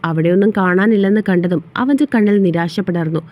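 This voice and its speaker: Woman storyteller, mellow voice, steady even reading, romance audio series. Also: lowish voice, fairly quick.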